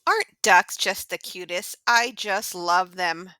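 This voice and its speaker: A woman's voice: fairly low pitch, unhurried, pushed and bright, clean tone, no echo. A woman voicing a cute, cheerful male pixie pig who hosts a children's farm-sounds lesson. She gushes over the animals and keeps encouraging the kids to join in. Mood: sweet, encouraging. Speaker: children's show host.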